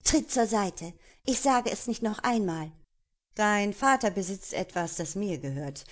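A woman voicing an arrogant male pirate rogue who taunts and shouts in a raised voice. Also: on the low side, animated, moderate pace, close to an everyday voice. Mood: taunting. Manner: loud, taunting and swaggering.

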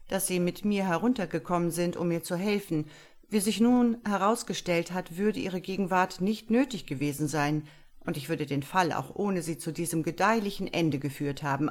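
A woman reading the part of a stern, self-satisfied male police inspector who speaks loud and curt. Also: on the low side, lightly acted.

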